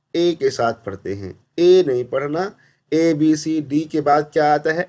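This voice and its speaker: A man teaching Quran pronunciation, asking and answering his own questions and reciting verses slowly and drawn out. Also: a little high, darkish tone. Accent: Pakistani. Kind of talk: recitation lesson.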